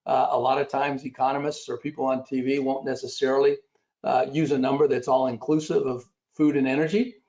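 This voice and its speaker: A man with a raspy voice giving a conference presentation, pausing often with fillers as he reads statistics off his slides. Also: mid-range voice, flat delivery, a little mellow. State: raspy after illness. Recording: dull lo-fi recording.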